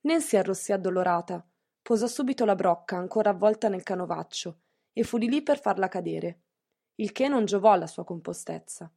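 A woman narrating an audiobook in a measured, even storytelling manner. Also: medium pitch, vocal fry, breathy edge. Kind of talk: scripted narration.

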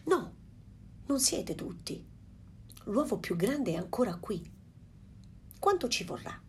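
A woman's voice: a little high, big pitch swings, slow pace, a little hiss or hum, heavily acted. Woman reading as a fussy mother duck. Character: fussy proud mother duck, adult female.

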